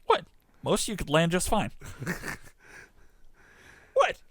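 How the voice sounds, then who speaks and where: A man who serves as the group's game master, talking on a casual podcast. His voice sits a bit high, and he jokes and defends himself. The recording is dry and close. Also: huge pitch swings, slow pace, fairly bright tone, no room sound.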